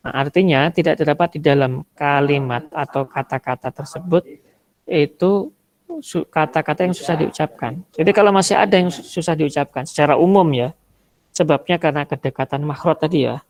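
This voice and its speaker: A man's voice: a little high, a little fast, a little mellow. A man from Indonesia teaching an online Arabic rhetoric lesson in a conversational way, explaining with spoken examples. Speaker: religious teacher.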